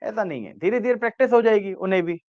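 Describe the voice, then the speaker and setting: Male teacher, dictating notes, repeats each phrase, fairly high voice, dull dry recording. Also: no echo. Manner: repeats each phrase slowly for note-taking; coaxing, checks understanding with "है ना?". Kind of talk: dictating a law lesson to students.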